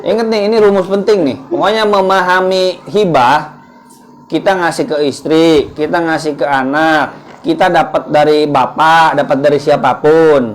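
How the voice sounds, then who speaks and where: A man's voice: fairly high pitch, fairly even intonation, moderate pace. A man giving a casual religious lesson at a home gathering, talking in a conversational way and quizzing his listeners with questions. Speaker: ustaz teaching a religious study group.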